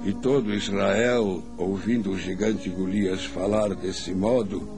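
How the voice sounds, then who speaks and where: Slow, gravelly older man storytelling. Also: sits low, steady tone. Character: grandfather telling a story to his grandchild. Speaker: storyteller grandfather. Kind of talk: scripted Bible story narration for children. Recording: music under the voice.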